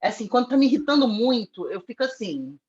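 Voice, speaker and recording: A Brazilian-accented woman talks freely in a podcast chat, blunt and animated as she tells her stories. Her voice has a breathy, husky edge. The audio sounds a little muffled and dull. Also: fairly high pitch, brisk. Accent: Brazilian Portuguese. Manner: animated storyteller, self-described foul-mouthed. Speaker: podcast guest. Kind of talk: casual interview conversation.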